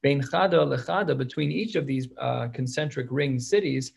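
Speaking at a normal speed, a Talmud teacher with a medium-pitched, creaky, husky voice and a darkish tone works through a religious text with his class. Passages are read out in Hebrew and Aramaic and then explained in plain, casual English.

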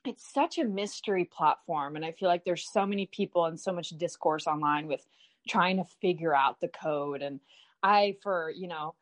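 A woman's voice: lowish voice, moderate pace. Chatty young woman, bubbly and rambling. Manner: chatty and animated, with many fillers and self-repeats. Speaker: guest, online comedian. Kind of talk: casual interview chat.

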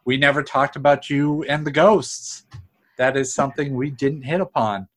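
Interviewer, relaxed, open-ended questions, mid-pitch voice. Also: moderate pace.

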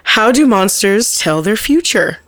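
A woman's voice: mid-range voice, very animated, measured pace, a bit bright. A young woman co-hosting a casual podcast chat, laughing often and reading news with fillers. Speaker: podcast co-host.

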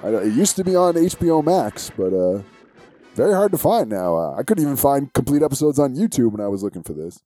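A man's voice: mid-range voice, sing-song, fairly quick, mellow, faint music behind. A man hosting a podcast in casual, chatty talk. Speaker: podcast host. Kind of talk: casual chat.

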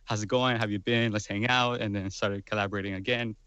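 Low-voiced rambling man in his twenties. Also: steady tone, fast, pushed and bright, clean tone, dry recording. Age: 20s. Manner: rambling, many fillers. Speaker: guest musician. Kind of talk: casual chat.

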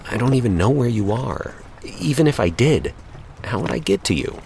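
A man's voice: mid-range voice, very animated, a little slow, slight background noise, voice pushed up. A man voicing a desperate man stranded on a flooded rooftop, asking anguished, pleading questions.

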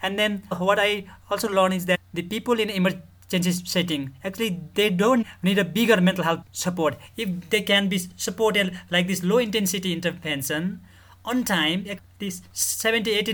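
A man from Nepal, a guest in a podcast interview who explains his work in an earnest, measured way. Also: high voice, a bit bright. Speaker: guest, mental health director.

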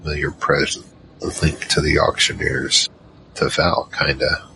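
A rumbling low voice with vocal fry, bright and forceful, tells a somber first-person tale as a battle-worn gunfighter in a noir-style audio drama set to music. He speaks a little slowly with little pitch movement, terse and world-weary, exaggerating his delivery. The audio is poor, with slight background noise.

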